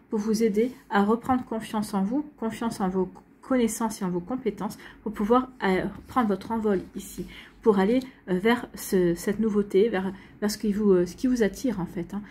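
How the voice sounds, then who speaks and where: In a mid-range, darkish, husky voice, a French woman gives her viewers a loose, meandering astrology reading while she has the hiccups. She reads astrology and tarot, restarting often and offering lots of reassurance.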